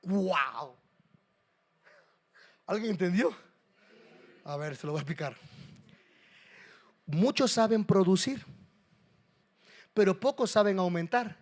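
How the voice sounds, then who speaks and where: A male pastor delivering a sermon in a fairly high voice. He swings from loud calls to the congregation to soft, confiding asides, with an animated preaching delivery. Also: a little slow, pauses often.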